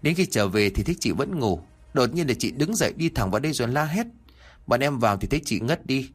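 A man reading the lines of a young male coworker who talks quickly and with concern in a ghost story. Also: mid-range voice, lively intonation, husky, voice pushed up.

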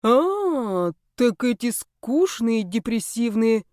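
A woman voicing a pushy, fashion-obsessed male snake creature who bosses and teases loudly. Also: a little high, big pitch swings, slow pace, dry recording, clean studio sound. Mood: mocking. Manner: bossy, shouting, teasing.

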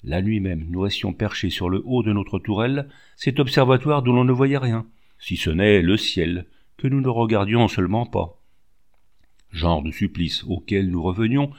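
A man with a fairly low voice narrates a classic novel in a measured, expressive audiobook reading. He takes his time, lifting his voice for quoted speech. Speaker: audiobook reader.

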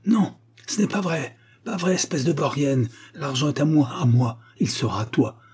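A man voicing a dying old miser who shouts in raging outbursts. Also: lowish voice, moderate pace, slightly rough.

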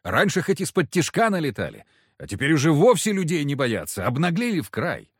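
A man's voice: on the high side, fairly quick, slightly rough, no room sound, clean studio sound. A man reading a first-person story aloud, narrating expressively. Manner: expressive, does character voices. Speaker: audiobook reader. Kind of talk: scripted narration.

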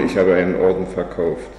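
Man reading a weary scolding woman, dark deep voice, roomy echo. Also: animated, moderate pace. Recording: echoey hall, faint background noise.

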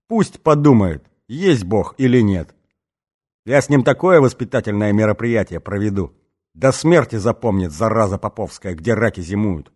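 A man voicing a brutal, drunken male gang boss in an audiobook, shouting and snarling threats. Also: lowish voice. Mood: gloating, commanding. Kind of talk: audiobook character voice.

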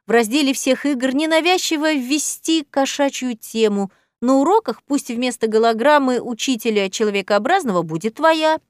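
A woman's voice: on the high side, smooth, no echo, studio quality, close to an everyday voice. A woman voicing a playful, ironic young heroine who teases her friend in an audiobook. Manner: teasing, ironic. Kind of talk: audiobook character voice.

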